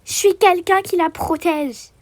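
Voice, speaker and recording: A woman voicing a calm, protective man who speaks firmly and directly. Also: very high-pitched, measured pace, dry recording. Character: protective male ex-partner, calm and firm.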